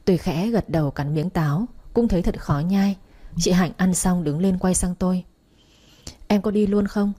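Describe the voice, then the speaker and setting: Husky, dark-voiced woman narrating a story. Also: lowish voice, moderate pace. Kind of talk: storytelling narration in first person.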